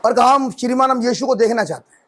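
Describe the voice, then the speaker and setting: Very high-voiced man preaching a sermon. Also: fast, a bit bright. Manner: preaching with rising emphatic questions. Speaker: pastor.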